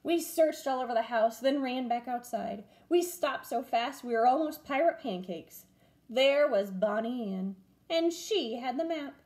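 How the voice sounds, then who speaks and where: A woman in her twenties who teaches first grade tells a picture-book story expressively to children at home. She reads a little slowly in a voice on the high side, seated in a small room next to a window.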